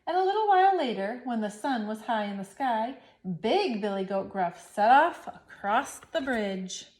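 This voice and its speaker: A woman reading a children's storybook aloud with expressive, playful narration. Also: a little high, normal speed.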